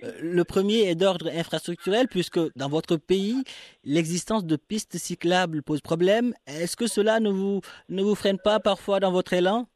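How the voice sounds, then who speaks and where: A man hosting a radio interview, asking formal, measured questions. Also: high-pitched, darkish tone, no room sound. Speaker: radio show host.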